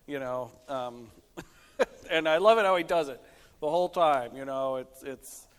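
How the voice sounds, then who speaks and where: This man is a pastor chatting informally about faith, spinning stories with frequent asides in a casual theological discussion. His mid-range voice is animated and clean-toned but a little slow, and the room is an echoey hall with long reverb.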